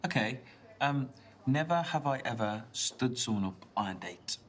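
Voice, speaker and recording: A man's voice: medium pitch, animated, moderate pace, slight background noise, lightly acted. A young British man acting an awkward, earnest date in a video game, hesitant and full of ums. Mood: nervous.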